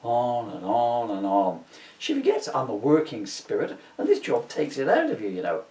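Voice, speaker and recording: A man's voice: mid-range voice, wildly swooping pitch, moderate pace, darkish tone. A man voicing a sardonic, henpecked, foul-mouthed Christmas ghost in a comic audiobook, rambling and complaining in mock-archaic words. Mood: grumbling. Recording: roomy, echoey, distant microphone.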